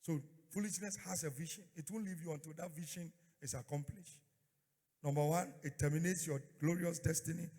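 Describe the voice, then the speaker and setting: Man, fiery sermon delivery, higher-pitched voice, call-and-response preacher, insistent repetition, big reverberant church hall. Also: fairly even intonation, fairly quick, mellow, breathy edge. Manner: repeats phrases and prompts the congregation to respond. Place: large echoing church hall.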